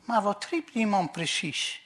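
Brief: breathless eager small boy, put on by a man telling jokes, high and slow. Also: sing-song, fairly bright tone, heavily acted.

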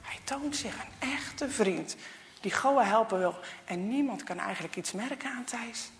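Woman reading a kids story out loud, high voice, lively w/ quiet bits, long echo. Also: a little slow, slight background noise. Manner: lively storytelling with hushed asides. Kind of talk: reading a children's story aloud. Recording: long reverb.

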